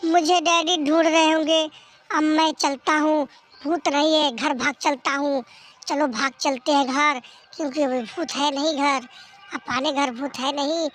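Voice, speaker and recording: A man squeaking as a scared little boy. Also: steady tone, a little slow. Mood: fearful. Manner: small, hushed, fearful. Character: frightened young boy, the king's son.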